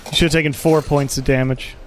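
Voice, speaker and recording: A man's voice: fairly high pitch, steady tone, fast. A man running a tabletop fantasy game as game master, narrating casually and calling out rulings.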